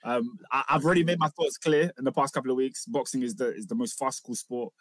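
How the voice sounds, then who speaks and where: A man's voice: mid-range voice, fairly even intonation, fast talker, fairly bright tone, dry recording. A man with a London accent co-hosting in casual, opinionated banter, repeating his points emphatically. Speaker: podcast co-host, football fan.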